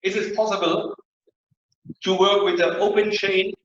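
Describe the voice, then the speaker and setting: A man's voice: high voice, little pitch movement, a little slow, a little hiss or hum. A man teaching a rehabilitation therapy workshop online, explaining exercises in plain, simple phrasing, in a heavily echoing room with a dull, lo-fi sound. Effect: heavy echo chamber sound, dull lo-fi tone. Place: indoor rehab center rooms. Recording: very echoey room, muffled lo-fi sound.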